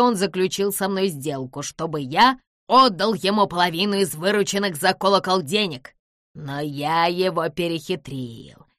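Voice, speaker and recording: A woman voicing a vengeful, gloating little old man who shouts and cackles in an audiobook. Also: medium pitch, dry recording, clean studio sound, lightly acted. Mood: bitter.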